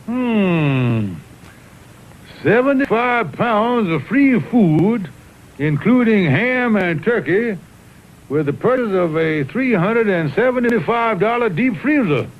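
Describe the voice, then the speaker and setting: A man's voice: high voice, big pitch swings, slow, heavily acted. A man voicing a pompous, sputtering, scheming old colonel in a cartoon, with a Southern US accent and blustering delivery. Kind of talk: 1960s TV cartoon comedy acting. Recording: muffled vintage TV soundtrack with music.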